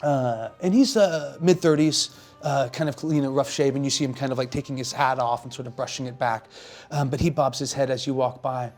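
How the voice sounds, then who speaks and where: A man working as game master, improvising narration for a tabletop game in casual, descriptive, halting phrases. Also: medium pitch, steady tone, darkish tone, faint music behind.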